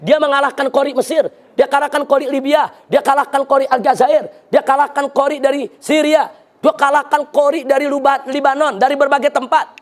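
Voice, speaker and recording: A man's voice: extremely high pitch, fairly even intonation, brisk. A man giving an emphatic religious lecture, often turning to his listeners as brothers. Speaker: Islamic preacher.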